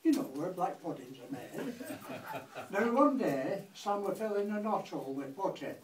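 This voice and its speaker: Reciting a comic monologue in verse, this Lancashire grandfather in his 80s keeps his delivery rhythmic and dry. He sounds high-pitched and very animated at a normal speed, recorded from a distance in an echoey room with faint background noise.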